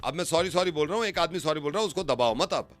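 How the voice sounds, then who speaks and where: A man's voice: fairly high pitch, expressive, racing, fairly bright tone. A male radio host making a prank phone call, stubbornly insistent and repeating himself with mock innocence.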